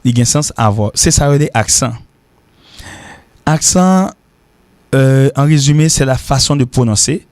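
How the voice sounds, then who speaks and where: A man hosting a radio English lesson, repeating words slowly as pronunciation drills. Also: medium pitch, a little mellow, dry recording. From Haiti. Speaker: English teacher.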